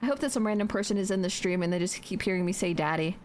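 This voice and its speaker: A woman's voice: mid-range voice, racing, a little mellow. A young adult woman streamer chatting casually while building in a game, joking, swearing freely and talking to herself.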